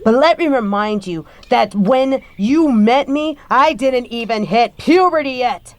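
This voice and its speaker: Playing a bitter grown daughter in a scripted audio drama monologue, a high-voiced woman berates her neglectful stepfather in a confrontational, scathing way, cursing freely. Her delivery is expressive and unhurried, her mood hurt and accusing, and there is no room sound.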